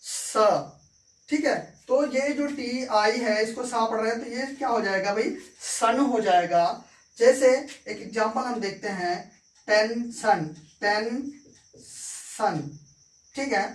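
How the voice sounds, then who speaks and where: A woman teaching English phonics in a slow, repetitive way, checking understanding as she goes. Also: a little high. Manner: slow, repeats words and meanings, checks with "ठीक है". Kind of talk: phonics lesson in Hindi. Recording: echoey room, voice from far.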